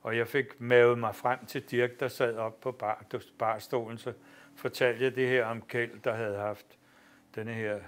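An older man, an actor and theatre director, telling lively anecdotes in an interview and swearing casually. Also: medium pitch. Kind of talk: anecdotal storytelling.

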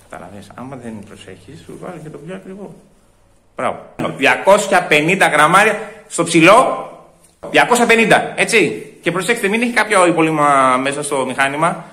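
A man playing a fussy, complaining male shopper at a supermarket cheese counter, in a one-man comedy sketch, ranting loudly and muttering asides. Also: fairly high pitch. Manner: loud indignant ranting, repeats himself, muttered asides.

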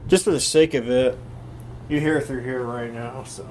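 The young host of a home vlog speaks in a mid-range voice with a steady tone and a moderate pace, against a noisy background. He gives a casual demonstration in his bedroom and home workshop, holding his own camera or phone.

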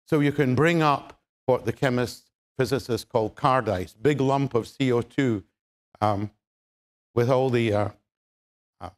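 Speaking with a Scottish accent at medium pitch, this chemistry lecturer addresses the public in a measured, explanatory manner. Dry humor and lots of ums run through his talk.

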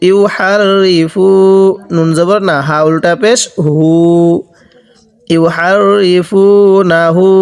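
Male recitation teacher, high and resonant, spells letters then chants words slowly; long reverb. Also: clean tone. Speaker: Quran reading teacher. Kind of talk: slow spelled-out recitation lesson. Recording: long reverb, roomy sound.

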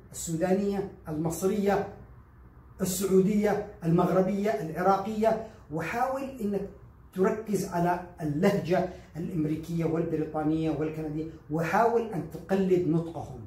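A man giving a lively, chatty spoken lesson as an English teacher, often imitating learners with exaggerated accents. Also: sits high, reverberant, far from the mic, poor audio.

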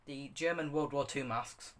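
A man's voice: medium pitch, normal speed, a bit bright. A young man giving a casual, unscripted review, rambling and correcting himself as he demonstrates. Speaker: hobbyist video reviewer.

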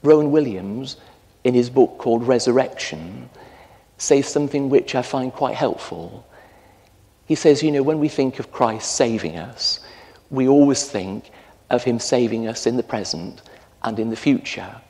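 A man in his fifties with an English accent, a parish priest delivering a storytelling sermon with lively gestures in a large stone church. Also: mid-range voice, measured pace. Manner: storytelling, animated gestures while preaching. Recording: long church reverb.

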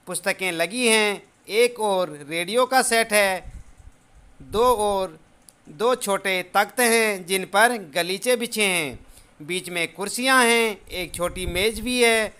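Male schoolteacher, unhurried and clear, quizzing the class. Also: high-pitched, bright, forceful tone. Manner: asks the class questions and answers them. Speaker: teacher. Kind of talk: lesson explanation to children.

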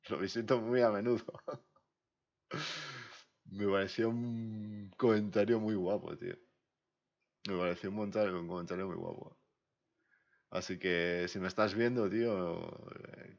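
A man from Spain chatting casually on a live game stream, slangy and rambling, often drifting quietly away from the mic. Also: low-pitched, vocal fry. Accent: Spain Spanish. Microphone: desk mic, sometimes far from it. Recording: dull lo-fi stream audio.

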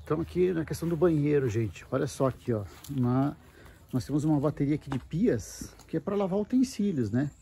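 A camping vlogger leads a casual, explanatory walking tour of a wooded campground, talking conversationally into a handheld mic and checking in with listeners often. His fairly high, warm, creaky voice has lively intonation and a fairly quick pace. The outdoor handheld recording is noisy.

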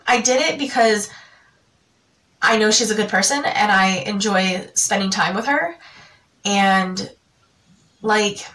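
A young woman talking to camera in a personal vlog, halting and full of fillers and restarts, jittery and tearful. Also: mid-range voice, bright, forceful tone, recorded from a distance, rough recording. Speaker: vlogger.

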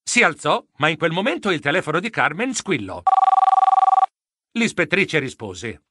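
A man narrating a children's audiobook in first person, with expressive storytelling. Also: fairly high pitch, normal speed, noisy background.

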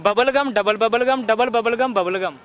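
High-voiced Punjabi street interviewer. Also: male voice, normal speed, a bit bright. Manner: playful, teasing questions. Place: outdoors on a street.

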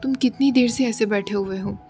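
A woman's voice: medium pitch, a little fast, dark tone, natural voice. Woman reading as a wary, guarded young guy, dry replies, faint music behind.

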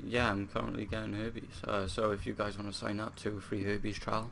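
A man's voice: fairly low pitch, level tone, fairly quick, gravelly, a bit bright, a little hiss or hum. A man making dry, teasing remarks as a let's play co-host. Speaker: gamer co-host.

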